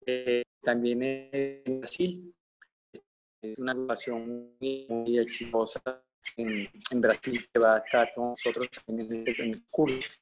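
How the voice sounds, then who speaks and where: A man's voice: mid-range voice, flat delivery, a little slow, over music. A middle-aged man moderating an informal online forum, speaking hesitantly and groping for words. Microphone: earbud headset on a video call.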